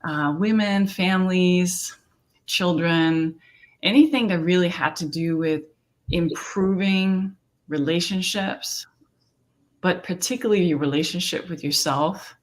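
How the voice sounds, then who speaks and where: A middle-aged Danish woman who works as a therapist and coach speaks earnestly in a conversational interview, frequently asking "right?" Her voice is lowish and her pace measured.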